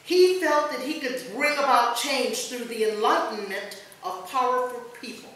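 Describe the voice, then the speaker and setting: Recorded from afar in a very echoey church with faint noise, a woman pastor reads aloud a written memorial tribute at a service. Her voice is a little high and fairly bright, and she speaks at a moderate pace.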